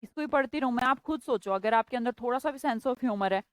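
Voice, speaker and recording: A woman teaching English vocabulary to a class in Hindi mixed with English words, stretching key words slowly and scolding students by name. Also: a little high, no echo, poor audio. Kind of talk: classroom lesson.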